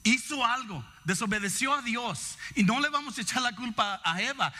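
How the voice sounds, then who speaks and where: A man delivers a sermon in a high-pitched voice. His tone is bright and tense. He muses aloud and keeps asking his listeners questions. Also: expressive, moderate pace. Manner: reflective, asks the congregation questions. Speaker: preacher.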